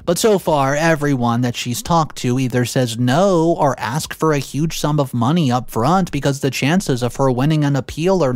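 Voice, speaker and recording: A man reading a first-person Reddit story aloud, with sudden jumps in pitch on stressed words. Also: no echo. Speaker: story narrator.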